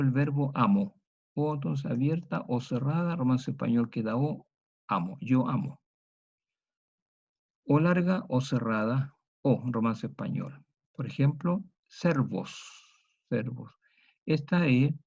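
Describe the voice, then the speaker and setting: A middle-aged man giving a university lecture, working through each example methodically and repeating the key words slowly. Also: medium pitch, mellow, slightly rough, highs cut off. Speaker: teacher.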